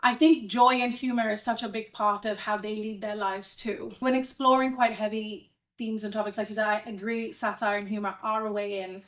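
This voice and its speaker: A woman's voice: medium pitch, steady tone, moderate pace, hardly any pauses. A woman hosting an interview, asking questions and affirming her guest often. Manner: warm, affirming with frequent "yeah". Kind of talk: conversational interview.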